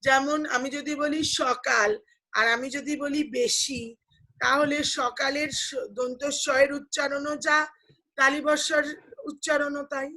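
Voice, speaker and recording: High-voiced woman teaching a class. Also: fairly even intonation, unhurried, bright, forceful tone, rough recording. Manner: explains patiently with questions to the class. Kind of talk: online class lecture.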